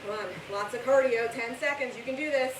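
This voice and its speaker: Female fitness instructor, motivating workout cues, slightly high voice, exerting herself, very reverberant room, noticeable hiss. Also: brisk. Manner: motivating, calling out encouragement, cues and countdowns; exerting herself while talking through the exercises. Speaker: fitness instructor leading a home workout class. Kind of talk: live workout coaching. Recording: echoey room, far from mic, loud hiss.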